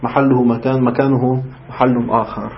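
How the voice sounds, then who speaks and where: A man's voice: medium pitch, flat delivery, normal speed, dull audio, a little hiss or hum. A man teaching a religious seminary class, who keeps asking rhetorical questions and answering them himself. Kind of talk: seminary lecture in colloquial Levantine Arabic.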